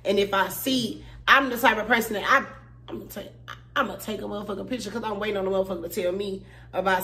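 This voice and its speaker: A woman's voice: mid-range voice, a bit bright. Blunt, emphatic woman podcast host. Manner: blunt, emphatic, repeats herself, swears freely. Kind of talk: casual chat.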